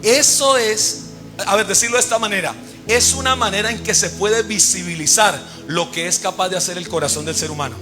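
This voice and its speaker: A man preaching from the pulpit in a high, ringing voice, with clear music behind him. He keeps firing questions at the congregation and has them finish his sentences. He swings from loud emphasis to low, quiet asides. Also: fairly quick. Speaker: pastor. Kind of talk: sermon. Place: church service.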